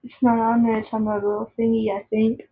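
Husky, giggly young woman chatting. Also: a little high, little pitch movement, fast talker, narrow, tinny audio. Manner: rambling, giggly, teasing. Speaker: vlogger. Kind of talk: casual chat with a friend.

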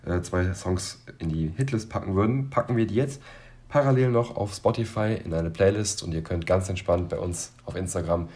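A young man co-hosting a casual podcast, relaxed and orderly, with hesitant fillers. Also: low voice, normal speed. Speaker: podcast co-host. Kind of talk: casual chat.

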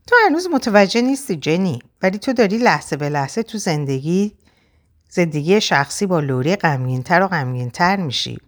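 A woman's voice: fairly low pitch, expressive, close to an everyday voice. A woman voicing an urgent young lover. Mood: urging. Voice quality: insistent, persuading. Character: earnest young man in love, urgent.

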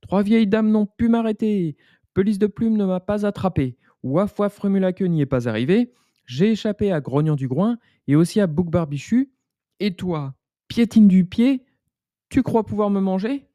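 A man's voice: high voice, animated, normal speed, dark tone, dry recording, voice pushed up. A man voicing a cheeky, boastful runaway pancake in a bedtime story, in a taunting singsong.

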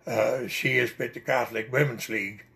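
An older man with a Dutch accent and a deeply gravelly, creaky voice recounts his memories. He rambles and pauses often between words as an interviewee. His pitch sits in an ordinary middle range. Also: fairly even intonation, sharp tone. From Netherlands. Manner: rambling storyteller with many hesitations. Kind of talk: oral history interview.

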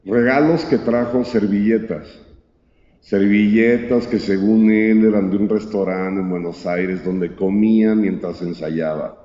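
A man's voice: lowish voice, unhurried. Man telling a colloquial anecdote. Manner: lively, colloquial, acts out the characters. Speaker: storyteller. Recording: dull echoey hall recording.

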